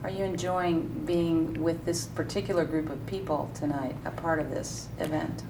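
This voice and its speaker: A woman's voice: low-pitched, steady tone, normal speed. A woman hosting a live public television broadcast, interviewing a guest in a polished, promotional way. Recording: distant mic with noticeable noise.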